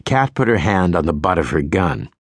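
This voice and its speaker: A man narrating a thriller audiobook in a measured, wry storytelling manner. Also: low-pitched, big pitch swings, breathy edge, dry recording. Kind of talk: scripted narration. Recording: dry close studio audiobook.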